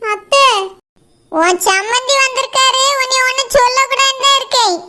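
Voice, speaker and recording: Cartoon granny, voiced by a woman, old and protective, scolding in a very high, sharp voice. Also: fairly even intonation, normal speed. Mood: firm. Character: firm kindly old grandmother. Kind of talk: cartoon voice acting.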